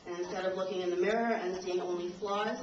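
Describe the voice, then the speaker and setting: Talking fast in a lowish, steady voice, a young woman from Trinidad and Tobago delivers a prepared speech as an invited speaker, nervous at times and laughing now and then. The audio, taken on a camcorder from the audience of a university lecture room, is roomy, distant, dull and noisy.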